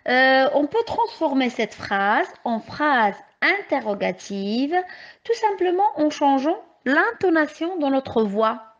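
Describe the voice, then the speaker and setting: A young woman teacher explaining a grammar lesson to young children, patient and carefully articulated, with clearly rising questions. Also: high voice, big pitch swings, takes it slowly, lo-fi sound. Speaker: primary school teacher.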